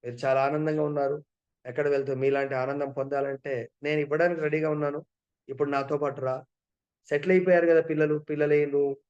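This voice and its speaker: A man's voice: fairly high pitch, little pitch movement, fast talker, darkish tone, clean tone, lo-fi sound, lightly acted. A man voicing a wise wandering sage who coaxes and scolds his friend in a familiar way. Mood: coaxing.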